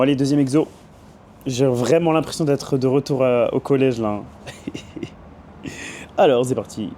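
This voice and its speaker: A young man with a hoarse voice, chatting casually in a vlog and laughing often. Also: medium pitch, dark tone, slight background noise. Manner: laughs often, mixes French and English. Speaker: vlogger. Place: small room indoors.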